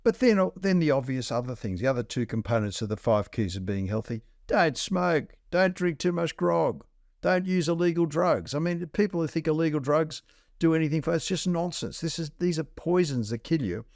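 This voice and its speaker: A man's voice: a little high, lively intonation, moderate pace, darkish tone, dry recording, clean studio sound. A man, a doctor co-hosting a health podcast, talking bluntly and walking through numbers in plain terms. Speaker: doctor co-host. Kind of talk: casual health podcast chat.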